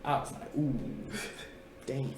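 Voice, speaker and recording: A man's voice: slow pace, darkish tone. A man co-hosting a podcast, telling rowdy, laughing stories in casual chat. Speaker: podcast co-host. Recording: echoey room, distant mic, crowd noise.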